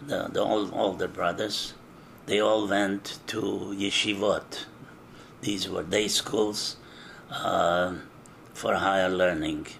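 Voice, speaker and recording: An older man from eastern Czechoslovakia giving an oral history interview, recalling things in a slow, measured way with frequent hesitations. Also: deep voice, steady tone, gravelly, a bit bright, a little hiss or hum.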